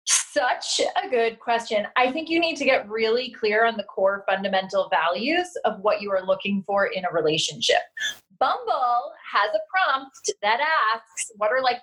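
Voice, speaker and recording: A woman in her thirties, a relationship coach talking in a casual interview, animated and acting out quoted lines. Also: on the high side, poor audio. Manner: animated, quick asides, acts out quotes. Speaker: heartbreak coach, guest.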